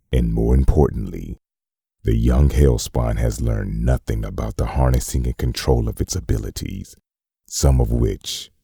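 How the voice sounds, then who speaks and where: A heavily exaggerated male performance casts a solemn, clinical narrator delivering a demon-hunting manual as scripted comic-dub narration. He reads in a formal, measured, gravelly bass with a dark tone, captured in a dry, studio-quality recording.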